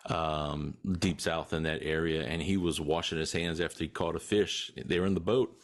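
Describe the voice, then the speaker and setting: A man's voice: rumbling low, steady tone, moderate pace. A man, chatting casually as a podcast guest in a laid-back, dryly humorous way. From Louisiana. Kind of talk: casual chat.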